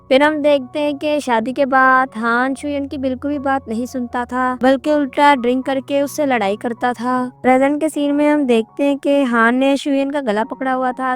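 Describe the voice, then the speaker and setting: Woman, high-pitched, recap narration, reported dialogue, soft background music. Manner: retells the dialogue in reported speech, mixing in English words.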